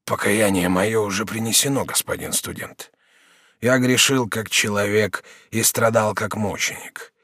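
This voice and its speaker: A worn-out old prisoner near death, voiced by a man reading a novel aloud, speaks in a slow, sighing murmur. The voice drops low and quiet, with a dry close studio sound. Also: fairly even intonation, dry recording. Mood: resigned. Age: 60s. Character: dying old male prisoner, weary and resigned. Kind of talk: audiobook character reading.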